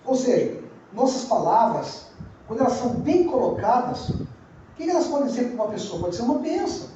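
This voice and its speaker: A man's voice: extremely high pitch, sing-song, fairly quick, noisy background. A man with a Brazilian Portuguese accent, preaching a sermon as pastor in a conversational way, repeating phrases and asking the congregation questions. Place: church sanctuary. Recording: very echoey, distant, dull church recording.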